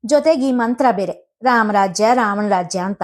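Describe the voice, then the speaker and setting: A woman's voice: medium pitch, animated, moderate pace, close to an everyday voice. A woman voicing a short-tempered young husband in a family storybook reading, speaking with a raised, resentful voice.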